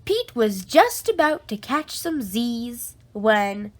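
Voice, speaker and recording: A woman reading a children's bedtime story aloud in an expressive, drawn-out way for young listeners. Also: on the high side.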